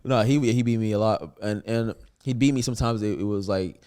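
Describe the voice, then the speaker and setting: A young man, a comedian guest on a podcast, telling joking stories in a loose, animated way that often trails off and restarts. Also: on the low side, brisk, clean tone. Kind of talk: casual storytelling interview.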